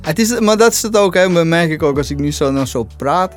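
A man's voice: a little high, brisk, faint music behind. A man co-hosting a podcast, telling stories in loose, slangy casual chat. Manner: loose storytelling, slangy, animated retellings. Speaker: podcast co-host.

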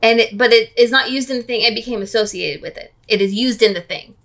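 A woman co-hosting a casual guessing game, playful and quick to laugh. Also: on the high side, fairly bright tone. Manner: playful, laughs often, sings snatches.

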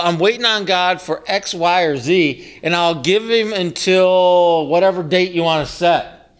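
Middle-aged guy leading bible study, earnest, repeats himself like a preacher, slightly high voice. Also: a bit bright, clear, resonant tone. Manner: earnest, repetitive preaching cadence with rhetorical questions. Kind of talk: teaching a small group bible study.

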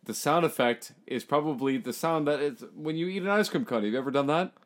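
A young man in his twenties co-hosting a podcast, trading crude jokes in animated casual banter. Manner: animated, jokey, quick pitch jumps. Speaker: podcast co-host.

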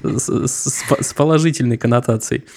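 A man's voice: medium pitch, a little fast, creaky, a little mellow. A young man co-hosting a podcast, chatting loosely with a wry, slightly sarcastic humor. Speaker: podcast co-host. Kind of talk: casual discussion.

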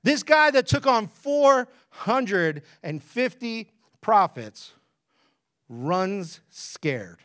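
A man delivers a sermon as animated storytelling, with a high voice for a man that swings widely in pitch. He keeps breaking off for jokey asides to the congregation. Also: drawn-out words. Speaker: preacher. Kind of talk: lively conversational sermon.

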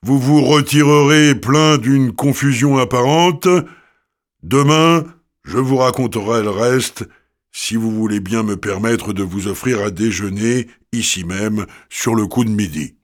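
A man's voice: medium pitch, measured pace, lightly acted. A man reading a shy, earnest young suitor. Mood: scheming. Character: pale, sad, shy young man in love.

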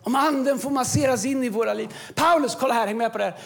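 A man giving an impassioned sermon as a pastor on a church stage, swinging from quiet stretches to shouting. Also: very high-pitched, creaky. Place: church stage with music behind.

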